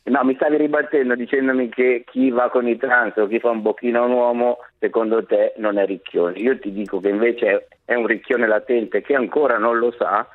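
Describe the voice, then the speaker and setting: A man's voice: mid-range voice, steady tone, fairly quick, few pauses, no room sound. A man calling in to a radio talk show over the phone, speaking bluntly and crudely. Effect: heard over the phone. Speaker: radio caller. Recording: tinny phone line, dry.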